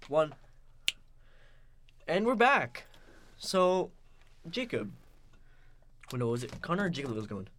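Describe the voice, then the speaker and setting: A man's voice: fairly high pitch, sing-song, a little slow, long pauses, a bit bright. A man hosting his own podcast in casual chat, loose and laughing between phrases. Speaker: podcast host.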